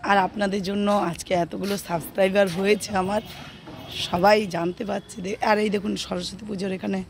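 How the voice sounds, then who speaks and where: A middle-aged vlogger with a cold talks hoarsely, softly, and slowly to viewers on a rooftop in the morning, filling pauses often as she holds her phone. Her voice is mid-range and her delivery flat.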